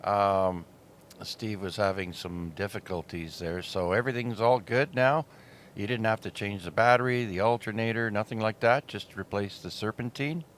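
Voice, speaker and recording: A middle-aged man from Canada hosts an amateur radio net with a low, unhurried voice. He talks casually, with plenty of fillers. His throat sounds a little sore. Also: slight background noise. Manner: relaxed, chatty, many fillers. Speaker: net control host.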